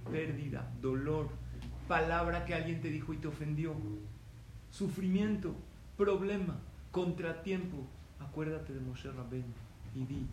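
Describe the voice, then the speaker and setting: A man's voice: on the high side, darkish tone. A man giving a religious lesson in story form, asking his listeners questions and acting out the quotes. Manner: asks the audience questions, acts out quotes. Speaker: rabbi teaching a lesson. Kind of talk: sermon-style storytelling lesson. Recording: echoey room with faint ambient noise.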